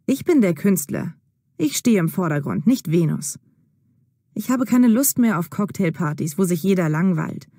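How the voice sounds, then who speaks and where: A woman playing a proud male artist, firm and self-assured in every line. Mellow, even voice with a dry, close sound. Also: lowish voice, normal speed, dry recording. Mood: determined. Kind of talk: acted dialogue in a learner audio drama.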